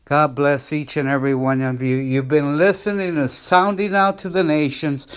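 A man's voice: fairly high pitch, steady tone, moderate pace, clean tone. A man, a missionary evangelist, preaching an encouraging podcast sermon in a fervent, repetitive cadence.

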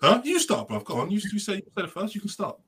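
A man's voice: high voice, racing, fairly bright tone, breathy edge. A man with a London roadman accent and slangy street talk, hosting a casual group chat. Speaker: podcast host.

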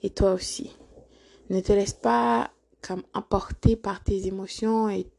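A woman's voice: mid-range voice, little pitch movement, unhurried, darkish tone. A woman hosting a motivational podcast, speaking earnestly and coaxingly to the listener, often checking in with "d'accord?". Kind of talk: motivational monologue.

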